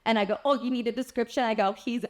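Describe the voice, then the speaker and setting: A young woman co-hosting a casual chat podcast, telling a story with lively acted-out quotes and frequent laughter. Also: on the high side, fast. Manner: animated storyteller, acts out quotes, laughs often. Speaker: podcast co-host.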